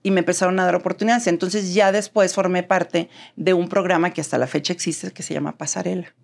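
A woman's voice: fairly low pitch, quick pace, vocal fry. A Mexican woman with a neutral accent, a guest in an interview, telling her story animatedly and acting out the dialogue. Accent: neutral Mexican Spanish. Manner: animated, acts out quoted dialogue.

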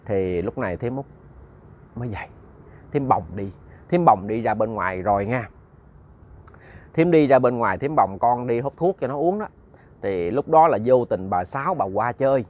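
Animated male storyteller. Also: medium pitch, normal speed, pauses often. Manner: conversational, repeats words, addresses listeners as "cả nhà". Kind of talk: narrated ghost story.

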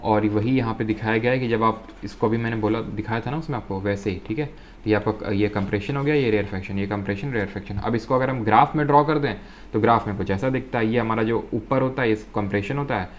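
Low-voiced man teaching physics slowly. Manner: reads English text slowly, explains in Hindi with frequent "ठीक है". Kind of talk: exam-prep lecture, reading textbook aloud then explaining.

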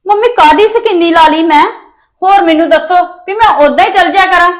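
A woman's voice: very high-pitched, brisk. A young woman with a Punjabi accent playing a daughter who pleads and argues with her mother in a family drama. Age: young adult. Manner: pleading, defensive.

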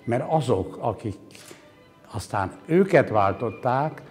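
An exhibition curator in his 60s is interviewed in an indoor gallery, his animated, mid-range voice picked up by a lapel mic over background music. He explains things reflectively, philosophizing with hesitations and emphatic points.

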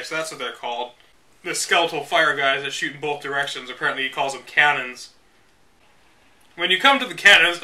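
This host has a fairly high, bright voice with a forceful tone, and he sounds far from the microphone. He reads a game guide aloud dramatically, interrupting himself with offhand remarks that are sarcastic and exasperated.

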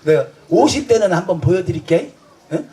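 Brief: high-pitched man, loud bawdy stage comic working the crowd, laughs through his lines. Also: lively intonation, normal speed. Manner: boisterous, bantering with the audience, crude jokes. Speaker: street comedy performer. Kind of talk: festival stage comedy show.

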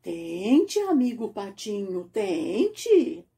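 Woman doing a slow friendly little monkey. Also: medium pitch, big pitch swings, dark tone.

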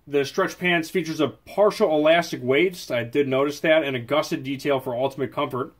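This fairly high-pitched male voice moves along fairly quickly in an informal, spur-of-the-moment product review. He talks from a desk indoors, chatty and frequently self-correcting.

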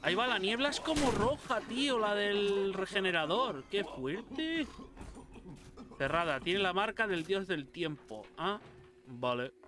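Guy from spain narrating his gameplay, voice a bit high, hyped up and swearing, cracking jokes. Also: a little slow. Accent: Spain Spanish. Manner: excitable, swears a lot, jokes at the game. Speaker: gameplay commentator. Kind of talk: casual let's-play commentary.

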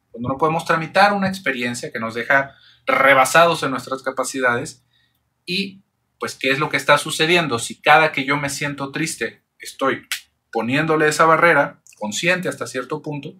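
A man's voice: on the high side, normal speed, pushed and bright. A man hosts a psychology channel. He gives a thoughtful explanatory monologue full of rhetorical questions.

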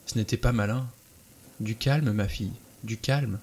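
A man's voice: lowish voice, a little slow, a little mellow, slightly rough. A man voicing a nervous, self-reproaching young woman in an audiobook reading. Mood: tense.

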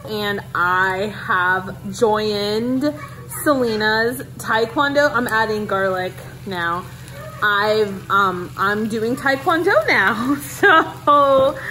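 Cooking at home, a woman in her thirties films a casual cook-with-me vlog on a handheld phone at arm's length, staying chatty and upbeat as a family vlogger. She speaks with a fairly high, sharp voice and draws out her words, over poor audio with slight background noise.

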